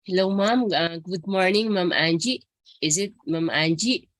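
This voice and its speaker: A woman adviser, hoarse from a dry cough, politely questioning a presenter on a video call and calling her ma'am. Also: on the low side, unhurried, dry recording. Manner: polite and deferential, addressing others as ma'am. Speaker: academic adviser reviewing proposals.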